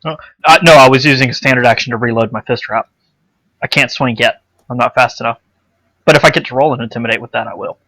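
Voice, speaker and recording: A man's voice: medium pitch, fast talker, bright, forceful tone, rough recording. A man playing in a tabletop game who makes wry, offhand quips between his moves. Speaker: player. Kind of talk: casual tabletop game play.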